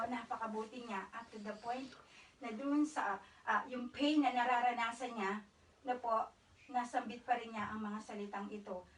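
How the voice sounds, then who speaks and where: A woman's voice: a little high, a bit bright, far from the mic, a little hiss or hum. Woman speaking in an echoey church. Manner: polite, speaks with many fillers. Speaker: church speaker introducing the pastor. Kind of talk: church reflection.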